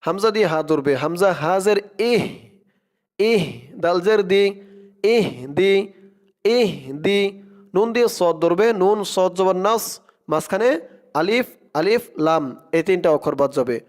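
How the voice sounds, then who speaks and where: High-voiced man teaching Quran recitation. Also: smooth. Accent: Bangladeshi Bengali. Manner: spells letters slowly, then chants verses drawn out. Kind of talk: Quran pronunciation lesson.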